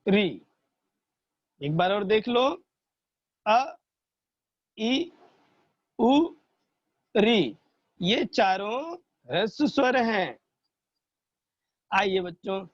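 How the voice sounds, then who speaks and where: A man with a fairly high voice teaches children grammar in an online lesson, explaining patiently and stretching out the sounds he demonstrates. The recording is dry and dull, with little high end. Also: dry recording. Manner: slow, patient explaining, drawing out sounds as examples.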